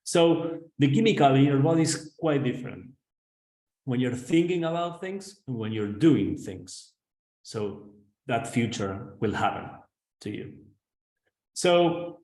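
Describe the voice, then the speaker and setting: A man's voice: medium pitch, a little mellow, roomy sound, poor audio. A man from Argentina with an Argentine Spanish accent, an executive coach giving a webinar presentation over a video call, earnest and direct, often checking in with "right?". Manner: earnest, addresses audience directly, frequent "right?" tag questions.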